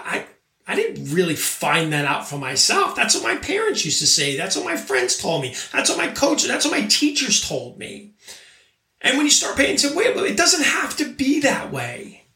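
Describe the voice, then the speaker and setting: A man in his late forties hosting a podcast, giving an energetic motivational monologue and repeating key phrases for emphasis. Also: high-pitched, far from the mic. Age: 40s. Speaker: podcast host. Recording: echoey room, voice off-mic.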